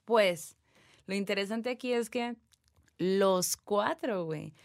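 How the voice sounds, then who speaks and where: A young Mexican woman co-hosting a podcast tells a casual story in slangy, animated fashion, acting out whispers as she retells it. Her Mexican Spanish–accented voice is mid-range and slow, recorded dry on a close mic.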